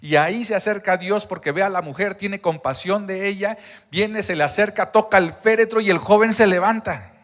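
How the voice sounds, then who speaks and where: A man with a high voice preaches an Easter Sunday sermon, speaking emphatically and asking the congregation questions. He is recorded at a live church service, and his voice rings with the long reverb of the hall. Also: moderate pace, fairly bright tone. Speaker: pastor.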